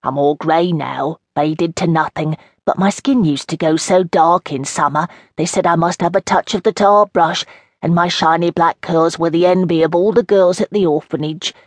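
A woman's voice: on the low side, moderate pace, no room sound. A woman reading an audiobook as a chatty woman in her seventies with an East End London accent, homely and rambling. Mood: reminiscing. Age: 70s. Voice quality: homely, rambling, dialect grammar. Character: frail chatty old East End woman, long institutionalised. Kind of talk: audiobook narration in character.

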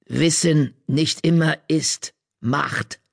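A man puts on an ancient she-badger seer from a storybook, calm and unhurried. She drags out her words in a gravelly drawl, with jumbled word order. The sound is dry and close. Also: on the high side, dry recording, full character voice. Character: wise old female badger seer.

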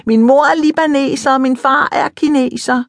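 A woman narrator voicing a cheeky, playful young girl in a loud, sing-song, teasing way. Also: high-pitched, big pitch swings, no echo, studio quality, voice pushed up. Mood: mocking sing-song.

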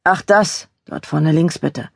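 A cool, condescending boyfriend on the phone in this audiobook, impatient and clipped, voiced by a woman narrator. The voice is husky, with a gravelly edge. The recording is close and dry. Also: low voice, slow, no echo, full character voice.

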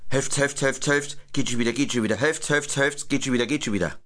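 A man's voice: medium pitch, big pitch swings, fast talker, fairly bright tone, pitched above the performer's own voice. A man voicing an eager little boy in a bedtime story. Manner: eager, chanting.

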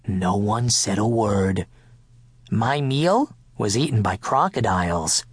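A man's voice: on the low side, expressive, slow pace, slightly rough, no echo. Playful man narrating a children's story. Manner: playful, first-person storytelling as the dog. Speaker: audiobook narrator. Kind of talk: children's picture book narration.

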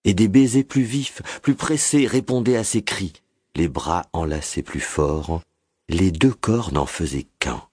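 A man reading a literary audiobook as narrator, in a measured, dramatic way. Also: low-pitched, expressive, darkish tone, husky, no room sound, clean studio sound.

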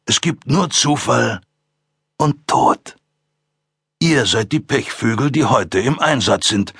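A man voicing a calm, amused male serial killer who talks down to two cops in a mocking, drawn-out way. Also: mid-range voice, vocal fry, slightly rough, no room sound, studio quality, voice pushed up, exaggerated voice. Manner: mocking, taunting, drawn-out delivery.

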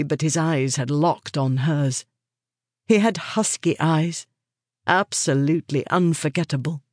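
A woman narrating a crime novel in a measured, descriptive reading. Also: deep voice, a little mellow, no echo, clean studio sound. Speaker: audiobook narrator. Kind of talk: scripted narration.

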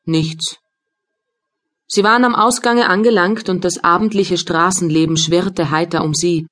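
A woman reading classic literature aloud with calm, measured delivery. Her voice sits on the lower side and moves at an even storytelling pace. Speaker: audiobook narrator. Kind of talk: scripted literary narration.

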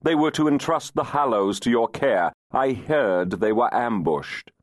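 A purring, mocking male fairy lord, voiced by a man reading an audiobook. He teases and taunts in a raised, lively voice that swoops with disdain. The sound is close and dry. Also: mid-range voice, unhurried, dry recording, pitched above the performer's own voice, close to an everyday voice. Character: insolent, teasing male fairy nobleman. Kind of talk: audiobook character voice.

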